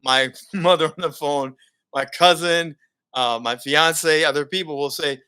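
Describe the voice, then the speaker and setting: Unhurried and smooth, with fairly high pitch, a middle-aged broadcaster and keynote speaker shares stories as an interview guest. It's a casual chat, and he's an animated teller who laughs frequently.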